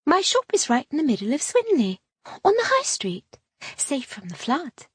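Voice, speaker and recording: This audiobook narrator is a woman playing an effusive young milliner, chattering away in a high, sing-song voice with a gushing mood. Her pitch swoops wildly while her speed stays normal. The recording has no reverb.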